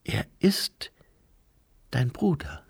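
A man voicing a sharp, questioning young woman who often drops to a breathy hush, in an audiobook reading. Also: drawn-out words, dry recording, in a whisper, clean studio sound. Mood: tense hushed.

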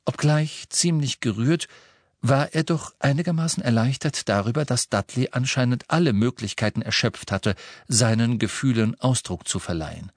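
A man narrating a novel as an audiobook in measured, expressive reading. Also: medium pitch, no echo, clean studio sound. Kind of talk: scripted narration.

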